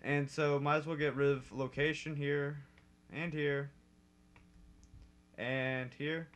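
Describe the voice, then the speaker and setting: A man's voice: fairly high pitch, level tone, slow pace, a bit bright. A young man hosting a casual coding tutorial, chatty and correcting himself as he goes, with typing behind him. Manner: chatty and self-correcting, laughs at own slips. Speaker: modding tutorial host. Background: keyboard typing.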